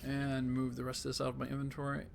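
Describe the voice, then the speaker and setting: A man commenting on his live gameplay in a low-key way, thinking aloud and greeting chat, with a voice that is going hoarse. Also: completely flat delivery, fast, slight background noise. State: losing his voice. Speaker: game streamer.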